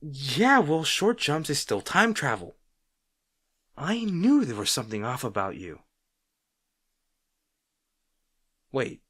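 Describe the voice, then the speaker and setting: His exaggerated voice is a little high and fairly bright, with wide pitch swings and a slightly slow pace, captured in clean studio sound without echo. He plays a sardonic, insecure supervillain rival with a hidden soft spot, speaking hesitantly and conversationally to the listener in disbelief.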